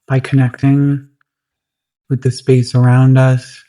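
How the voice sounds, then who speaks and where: A meditation guide speaks at a mid pitch with a very flat, gentle, soothing delivery. She takes her time, leaving roomy gaps between phrases.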